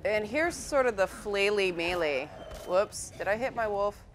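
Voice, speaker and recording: A woman's voice: medium pitch, animated, unhurried, faint music behind. A young woman giving chatty, playful commentary while she plays a video game. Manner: chatty and playful, urging her pets on. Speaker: game presenter. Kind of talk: casual let's-play commentary.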